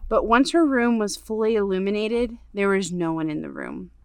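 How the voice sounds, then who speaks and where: Woman reading a spooky castle story on a podcast, smooth voice, dry close sound. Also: medium pitch, animated, no room sound. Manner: measured storytelling read, hushed on dark parts. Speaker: podcast co-host. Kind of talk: reading a ghost story aloud.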